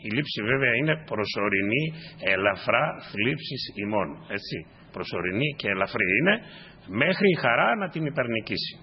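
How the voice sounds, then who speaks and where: Male preacher, sermon delivery, husky tone, dips low then breaks into emphatic bursts, muffled lo-fi recording. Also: animated. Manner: swings from low, quiet asides to sudden high emphatic bursts. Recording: dull lo-fi recording.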